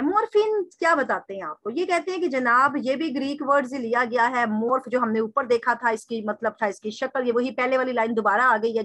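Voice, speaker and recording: A woman teacher giving a recorded lecture. She asks and answers her own questions, spells out example words slowly and addresses listeners formally. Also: a little high, fairly bright tone, no room sound. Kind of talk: recorded lecture reading through a text.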